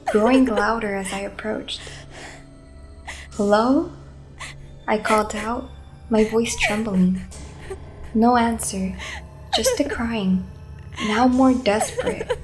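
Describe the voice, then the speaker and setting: Woman, unhurried delivery, slightly high voice, suspenseful scary story narration, measured. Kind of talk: scripted first-person scary story narration.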